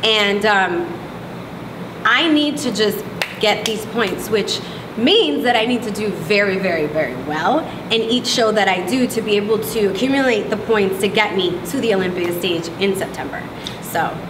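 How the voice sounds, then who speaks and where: A woman in her thirties, a bodybuilding competitor, talking excitedly and laughing often in a casual interview in a gym. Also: mid-range voice, moderate pace, background noise. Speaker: pro bikini competitor, interview guest. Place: large indoor gym, in front of a logo wall. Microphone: far camera mic. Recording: echoey room, picked up from a distance, with clear ambience.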